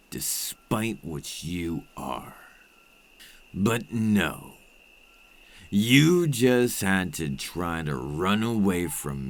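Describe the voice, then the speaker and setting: In a low, full character voice, a man plays a cold, possessive vampire captor for ASMR roleplay, sounding mocking and menacing. He speaks with deliberate, condescending menace and drops into breathy murmurs.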